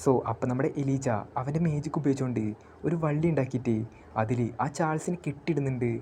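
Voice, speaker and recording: Man, casual story recap, mellow tone, faint noise behind. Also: medium pitch, fast. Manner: colloquial retelling with frequent filler "so".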